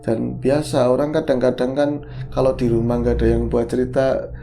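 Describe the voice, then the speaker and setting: Gravelly man telling a horror story. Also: medium pitch, moderate pace, soft background music. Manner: animated, acts out characters in quotes. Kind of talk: casual storytelling chat.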